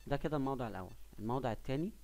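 A man's voice: mid-range voice, expressive, very fast, darkish tone. A man with an Egyptian Arabic accent explaining a language lesson in a casual, patient way, step by step, sometimes restarting mid-word. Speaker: language teacher.

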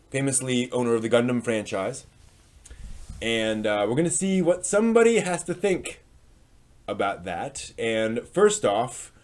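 In a small room at home, a man in his thirties hosts a dramatic reading of old online posts, adding spoken asides. His mid-range voice is theatrical and emphatic.

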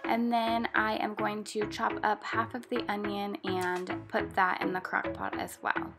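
A young adult woman, a lifestyle vlogger, calmly narrating a recipe step by step in a cooking voice-over. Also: medium pitch, unhurried. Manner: calm step-by-step instructions. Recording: voice-over over loud music. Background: loud background music.

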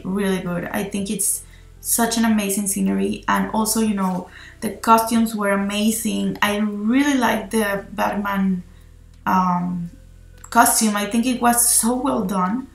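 A woman talks through a film review in a chatty, enthusiastic, rambling way, filmed on her own phone. Her voice has a gravelly edge, and the room around the phone mic rings with echo. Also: mid-range voice, steady tone, unhurried, soft background music. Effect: recorded on a phone. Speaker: movie reviewer. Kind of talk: casual spoken film review. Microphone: phone recording itself.

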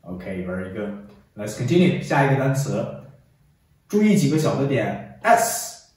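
A man's voice: mid-range voice, very animated, moderate pace, a little mellow. A man teaching an English lesson, drilling phrases for the viewer to repeat and praising with "very good". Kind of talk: classroom-style English lesson. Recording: echoey room, distant mic.

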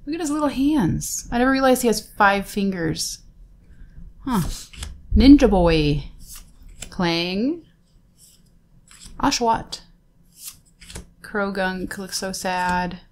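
A woman's voice: medium pitch, lively intonation, slow, long pauses, darkish tone. A woman hosting a casual card-pack unboxing, chatting and naming each card aloud with easy laughs. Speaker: host opening trading card packs.

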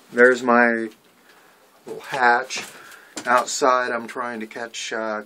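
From a small boat cabin, a sixty-something man films a casual, rambling vlog full of fillers on a handheld phone at arm's length. His voice is on the low side and a bit bright, with slight background noise.

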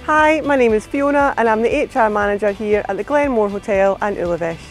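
A woman speaks outdoors in front of a hotel, upbeat and fluent. Her pitch is ordinary, and faint music plays underneath. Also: a little fast. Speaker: HR manager. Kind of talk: filmed workplace interview. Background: background music.

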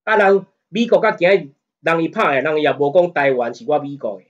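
A man's voice: on the high side, brisk, highs cut off. A man with a Taiwanese accent giving a casual law lecture, often checking whether listeners follow and growing emphatic as he argues. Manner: conversational, often asks "you know what I mean?"; grows heated and emphatic when arguing. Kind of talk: casual lecture in Taiwanese Hokkien mixed with Mandarin.

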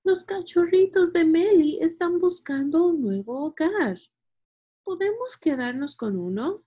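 A woman voicing an excited little boy. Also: very high voice, measured pace, voice pushed up.

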